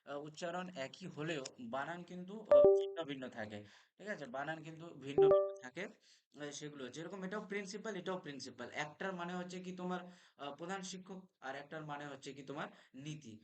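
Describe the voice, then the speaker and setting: A male teacher gives an exam revision lesson, spelling each word out slowly, letter by letter. His voice sits a little high for a man, and he keeps checking in with his students. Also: loud music behind the voice. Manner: explains step by step, spells words out letter by letter, often checks "okay?".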